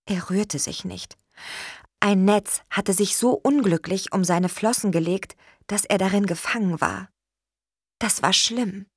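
A woman reading a children's storybook aloud in a gentle, expressive way. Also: medium pitch, measured pace, slightly rough, no echo. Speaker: narrator.

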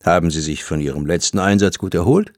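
A deep-voiced older director, fatherly and reserved, speaking with calm courtesy in an audiobook, as a male narrator voices him. The voice sits low, and the recording is close and dry. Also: fast talker, dry recording. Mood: polite.

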